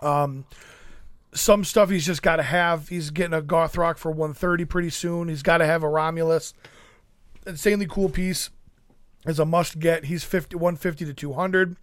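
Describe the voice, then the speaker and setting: A man's voice: fairly high pitch, fairly even intonation, normal speed, no room sound, studio quality. A man hosting a casual podcast, chatting loosely with many fillers and reading out listener questions. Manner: rambling, many fillers, laughs easily. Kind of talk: casual chat.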